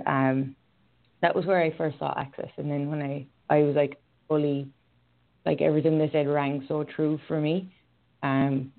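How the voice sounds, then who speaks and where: An Irish woman who hosts a radio show and rides horses chats casually on online radio, her low, gravelly voice flat and monotone. She hesitates a lot, full of fillers and restarts, and the audio comes through a tinny phone line.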